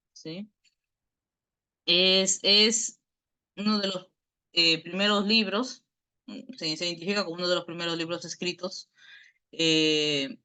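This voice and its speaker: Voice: mid-range voice, pushed and bright. A Bible study teacher, giving an explanatory lesson over a video call, who tags nearly every phrase with a questioning "right?" and often restarts words while thinking aloud.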